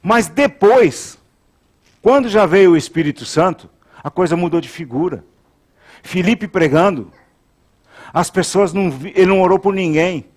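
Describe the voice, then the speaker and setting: Male pastor, high-pitched voice, emphatic repetitive preaching. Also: expressive, moderate pace, pauses often. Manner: emphatic, repeats phrases, leads call-and-response. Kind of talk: sermon.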